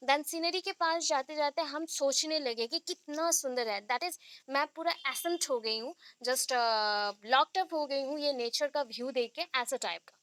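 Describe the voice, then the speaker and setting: Bright-voiced woman teaching an online class. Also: high-pitched, dry recording. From India. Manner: explains step by step, checks with students often.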